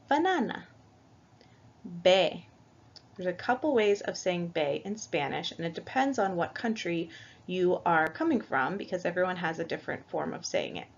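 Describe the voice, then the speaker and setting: A woman talks slowly and patiently, walking a class through each letter one by one. Her voice sits a little low for a woman. The recording is dull and lo-fi. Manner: patient, methodical, spells out each example. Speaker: Spanish teacher. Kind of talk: slow, careful language lesson.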